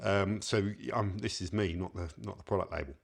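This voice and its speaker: A man's voice: sits low, fairly even intonation, a little fast, creaky. A man giving a casual car-care product review, reading labels aloud with wry asides.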